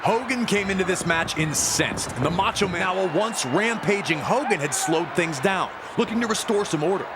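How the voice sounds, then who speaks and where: A high-voiced man calls wrestling matches in a dramatic sports-documentary style, animated and at normal speed with few pauses. His delivery is emphatic and suspenseful over a roaring crowd, loud arena noise, and slamming ring sounds.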